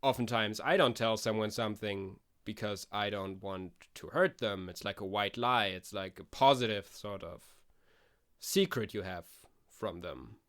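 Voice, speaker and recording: A man's voice: lowish voice, unhurried, fairly bright tone. A man voicing a weary female government agent in a suit in a tabletop role-play, patient but exasperated and tripping over his words. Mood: explaining.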